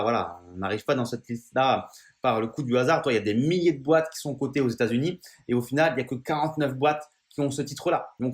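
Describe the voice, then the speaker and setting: A man in a relaxed explainer video, chatting straight to the viewer as a friend would. He talks informally, pauses on fillers and restarts his sentences often. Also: medium pitch. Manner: addresses viewer familiarly. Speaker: finance YouTuber.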